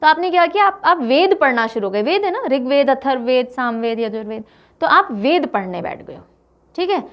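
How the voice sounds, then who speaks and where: A woman's voice: high voice, fairly quick. A young woman teaching an exam-prep lesson, telling playful mnemonic stories and mixing in English words. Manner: lively, playful storytelling with acted asides; mixes English words into speech.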